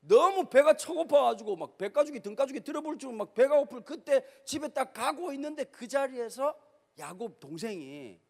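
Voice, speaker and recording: A middle-aged man with a Gyeongsang accent, preaching a lively youth-camp sermon as a pastor and telling stories with playful slang. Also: high voice, gravelly. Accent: Gyeongsang Korean. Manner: animated storytelling with acted voices and playful slang. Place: large hall at a youth camp. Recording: reverberant hall.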